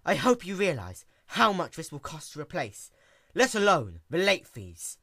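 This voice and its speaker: Narrator doing a angry girl pony princess, bright forceful voice, swings all over, storybook scolding. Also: moderate pace, no room sound, clean studio sound, full character voice. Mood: controlled anger. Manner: emphatic, swinging from icy calm to booming shouts. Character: furious young female pony princess, exasperated, scolding librarian.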